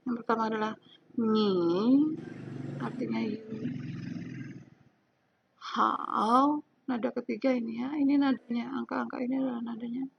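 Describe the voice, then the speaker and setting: A woman teaching a beginner language lesson, speaking slowly and patiently and drawing out example syllables. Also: fairly high pitch, little pitch movement, gravelly, lo-fi sound, slight background noise. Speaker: Mandarin teacher.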